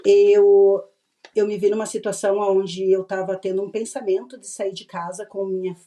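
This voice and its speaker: A woman telling a lively personal story in a mellow voice. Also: medium pitch, normal speed. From Brazil. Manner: animated, acts out remembered dialogue, laughs often. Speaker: podcast guest. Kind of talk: casual interview storytelling.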